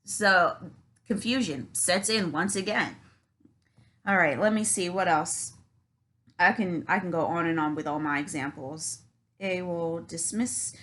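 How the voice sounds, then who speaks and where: A woman's voice: fairly low pitch, bright, forceful tone. A woman vlogger talking in a casual, rambling monologue with many restarts.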